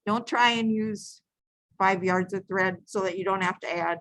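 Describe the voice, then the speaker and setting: A woman's voice: medium pitch, steady tone, moderate pace, fairly bright tone, no room sound, poor audio. A woman teaching a beading stitch live, giving patient, repetitive step-by-step instructions and sometimes correcting herself. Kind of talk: step-by-step craft tutorial.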